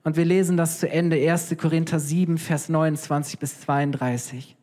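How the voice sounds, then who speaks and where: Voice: mid-range voice, steady tone, moderate pace, warm tone. A pastor giving a church sermon, speaking straight to the congregation with frequent "hey" and "weißt du" and rhetorical questions. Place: church service before a congregation.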